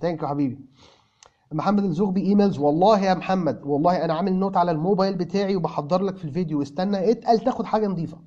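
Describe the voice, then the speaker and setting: An Egyptian man talks fast and casually, answering viewers by name and mixing Arabic with English phrases. His voice sits high but sounds dark and mellow. The recording is dull and lo-fi, made in a car. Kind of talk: casual chat.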